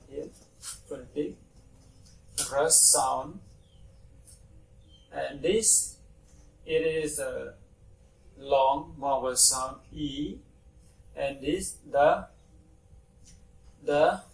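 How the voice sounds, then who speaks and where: A man with a Cambodian accent teaching English pronunciation very slowly, repeating each word several times. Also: medium pitch, gravelly. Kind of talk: slow step-by-step pronunciation lesson. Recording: echoey room, distant mic, faint noise.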